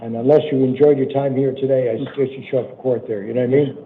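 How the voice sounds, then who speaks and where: An American man with a weak voice, speaking as a judge in a plain, informal, halting procedural courtroom address. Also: mid-range voice, fairly even intonation. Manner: plain-spoken, informal, halting with repeated checks for understanding. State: weak voice that day. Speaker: judge presiding over initial appearance hearings. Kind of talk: procedural courtroom address, reading charges and release terms. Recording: tinny phone-like courtroom audio, faint noise.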